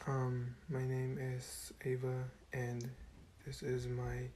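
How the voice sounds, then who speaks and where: A man's voice: mid-range voice, monotone, slow, warm tone, slight background noise, pitched below the performer's own voice, lightly acted. A man playing a painfully shy teenage schoolgirl who speaks barely above a murmur. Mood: timid. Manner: barely audible, timid.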